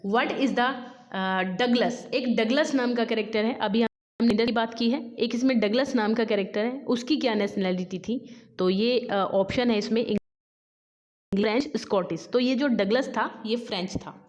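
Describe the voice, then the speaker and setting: A woman's voice: on the high side, darkish tone, dull audio. Hindi-speaking woman teaching literature MCQs. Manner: explains in Hindi mixed with English, reads questions slowly. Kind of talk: exam-prep MCQ lesson.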